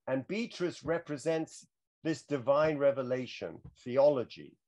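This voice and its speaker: A man's voice: medium pitch, measured pace, darkish tone. A man giving a reflective lecture on religious texts, weaving in quotes from literature and film. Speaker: teacher.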